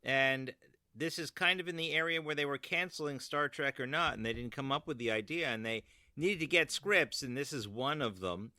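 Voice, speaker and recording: Chatty male podcast host, bright voice. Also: medium pitch, moderate pace, dry recording. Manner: chatty, laughs often. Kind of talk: casual podcast chat.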